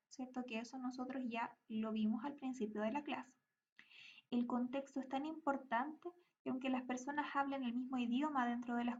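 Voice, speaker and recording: A woman's voice: high-pitched, gravelly, dull audio. A woman teacher with a Chilean accent gives a recorded class, explaining step by step and often checking in with the students. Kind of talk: recorded class lesson reading slides.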